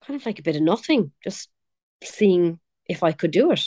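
A young pop singer from Cork, speaking with a Cork Irish accent, chats casually as an interview guest, laughing and quoting other people. Her fairly low, warm voice is very animated at a normal pace, in clean studio sound with no room echo.

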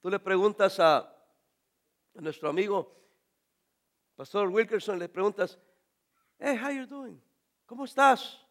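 A male pastor delivering a sermon with a strikingly high voice. He speaks straight to his congregation, firing questions at them and now and then breaking into loud shouts. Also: slow pace, pauses often. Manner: animated preaching, addresses congregation directly, sudden shouts.

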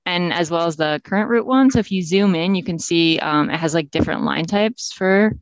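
A woman, a software engineer, heard over a video call as she calmly walks colleagues through a map tool step by step. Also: fairly low pitch, a little fast, no echo. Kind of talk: casual explanation on a video call. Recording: dull lo-fi video call audio, dry.

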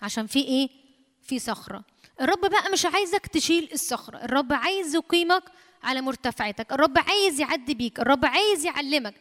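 A woman's voice: high-pitched, expressive, fast talker, fairly bright tone. A woman preacher with an Egyptian Arabic accent giving an emphatic sermon, repeating phrases and quoting scripture. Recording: long hall reverb.

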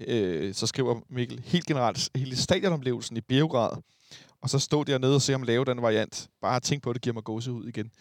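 A man's voice: mid-range voice, dry recording, clean studio sound. A Danish man hosting a podcast, hesitant with many fillers, reading out listener messages. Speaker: podcast host.

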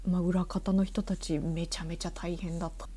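A woman's voice: lowish voice, little pitch movement, normal speed, dark tone, slightly rough. A woman chatting casually in a reflective way, often wondering aloud. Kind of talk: casual chat.

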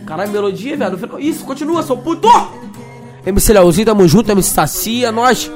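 A man from Brazil, a DJ, rattling off crude, rowdy shout-outs over a mix, yelling names and laughing. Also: sits high, animated, a little fast. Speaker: DJ giving shout-outs on his podcast mix. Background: funk music beat.

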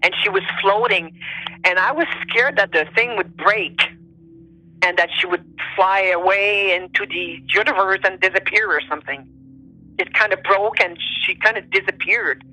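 Her voice is mid-range, bright and forceful, at normal speed, captured in a low-quality recording. She is a non-native English speaker, an interview guest recounting personal stories in a conversational way while groping for English words as if translating in her head.

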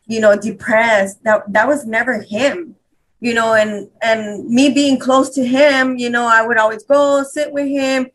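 A woman's voice: fairly high pitch, fairly bright tone, low-quality recording. A middle-aged woman, a guest on a radio interview, telling a personal account in a conversational way, full of "you know" fillers.

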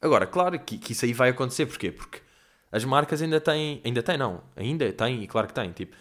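A man's voice: medium pitch, lively intonation, fast talker, a bit bright. A young man with a European Portuguese accent hosts a casual Q&A, ranting animatedly and swearing a lot. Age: young adult. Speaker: host. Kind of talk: casual chat, Q&A rant.

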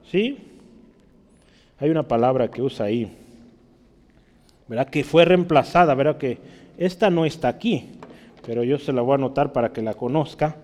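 A man teaching a Bible class in Spanish, checking in with his listeners and spelling out Greek words slowly. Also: fairly high pitch, darkish tone, in a large hall. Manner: checks in with listeners, asking "¿verdad?" and "¿sí?".

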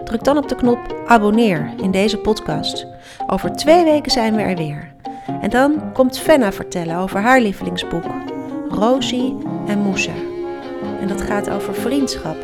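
A woman hosting a children's book podcast, chatting with a child and reading aloud with lively expression. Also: medium pitch, a little slow, over music.

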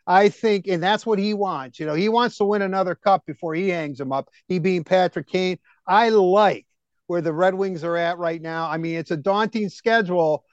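A man co-hosting a hockey talk show, rambling excitably and full of fillers and restarts. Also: high voice, clear, resonant tone, no room sound, dull audio. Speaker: co-host. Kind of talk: casual sports chat.

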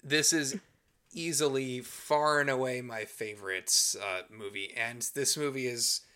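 A man with a bright, punchy voice at an average pitch hosts a casual film podcast. He talks in a wry, halting way, often doubling back on his words. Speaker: podcast host. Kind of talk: casual chat about a film.

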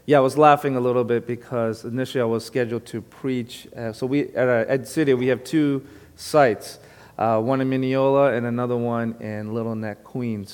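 A man in his thirties from Brooklyn preaches in a relaxed, conversational way, with plenty of fillers and a self-deprecating touch. His mid-range voice sits right in the middle for a man. The sound carries a long reverb, like a church sanctuary. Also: mid-range voice, clear, resonant tone. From Brooklyn, New York. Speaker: guest pastor. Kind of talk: sermon.

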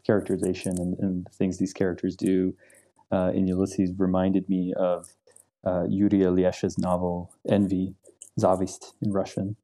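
A young adult man who teaches literature as a professor answers interview questions thoughtfully and hesitantly, with many ums and repeated words. His voice is low-pitched, dark, and monotone at a normal speed.

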